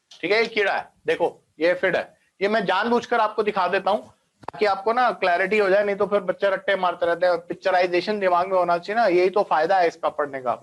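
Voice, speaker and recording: A man with a fairly high voice teaches biology in an online class. He explains step by step, drops in English science terms and keeps asking students if they are following. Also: a bit bright.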